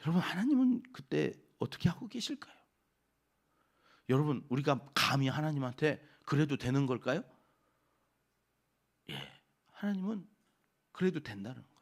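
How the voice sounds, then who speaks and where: A man's voice: a little high, big pitch swings, moderate pace, creaky, pauses often. A male pastor giving a conversational early-morning sermon, often asking the congregation questions and answering them himself.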